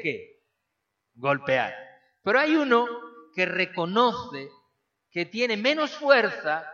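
Male preacher, raised voice with a bright edge, heavy rhetorical questioning, lo-fi sermon tape. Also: high-pitched. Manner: rhetorical questions, swings from hushed to emphatic.

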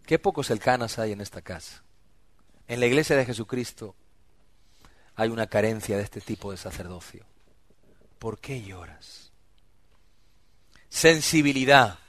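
A man preaching a sermon as pastor, swinging between loud emphatic outbursts and hushed, low asides. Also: normal speed, long pauses.

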